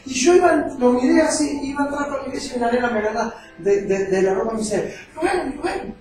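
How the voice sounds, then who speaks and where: A man's voice: very high-pitched, fairly even intonation, fast, a little mellow. A man, an evangelist preaching a sermon and telling his own testimony with emotion. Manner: emotional storytelling preacher, acting out quoted voices. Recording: echoey far-off mic with faint music.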